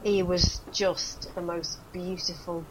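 Middle-aged lady reminiscing, chatty and giggly, lowish voice, faint room hum behind. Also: level tone, slow, rough recording. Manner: chatty, laughs often, trailing fillers. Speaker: guest, actress. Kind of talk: casual chat, reminiscing.

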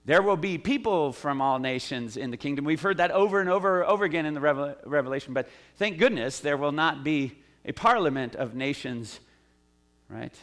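A man's voice: on the high side, lively intonation, fairly quick, a bit bright. A middle-aged man from the United States, a pastor giving a sermon in a conversational way, with asides and frequent "uh" fillers.

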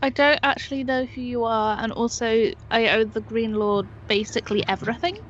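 Higher-voiced woman, flippant tabletop player. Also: steady tone, brisk, a little hiss or hum. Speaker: tabletop role-play player. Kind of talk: casual in-character game talk. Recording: dull lo-fi sound, music behind.

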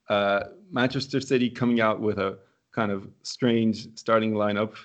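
A man hosting a casual football podcast, playful and quick to laugh. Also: fairly low pitch. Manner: playful, laughs often, drawn-out exclamations. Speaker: podcast host.

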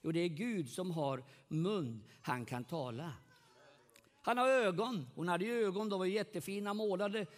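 High-voiced male pastor preaching in a hall. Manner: animated, swings loud and soft, asks the congregation questions. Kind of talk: evangelistic sermon. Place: meeting hall with congregation. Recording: long hall reverb.

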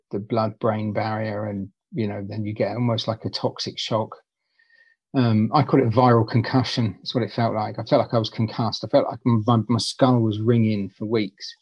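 A man's voice: on the low side, little pitch movement, normal speed, darkish tone, breathy edge, dry recording, dull audio. A male poet talking in a conversational interview, hesitant, often restarting and repeating words.

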